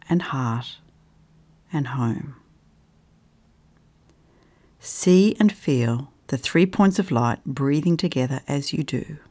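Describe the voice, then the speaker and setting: A meditation guide leading a guided meditation in a calm, soft delivery with long pauses, sometimes dropping into a soft whisper. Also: mid-range voice.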